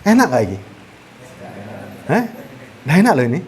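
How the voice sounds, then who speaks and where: A man's voice: a little high, huge pitch swings, moderate pace, a little mellow, slight background noise. A man preaching an interactive sermon, often asking the audience questions and rising to emphasis.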